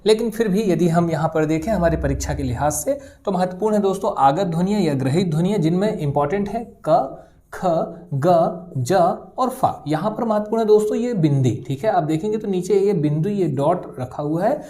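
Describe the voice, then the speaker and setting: A woman with a warm, mellow voice gives an exam-prep grammar lesson. She explains each point steadily and repeats the key terms so students can write them down. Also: lowish voice, lively intonation, fast, few pauses. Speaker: teacher. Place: video lesson recording.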